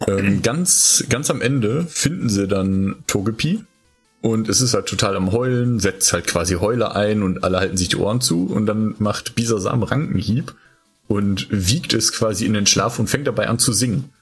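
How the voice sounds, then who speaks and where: A man's voice: lowish voice, normal speed, breathy edge, faint music behind. A man co-hosting a casual podcast chat, telling long rambling stories and explaining the show's quiz with eager energy. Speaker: podcast co-host.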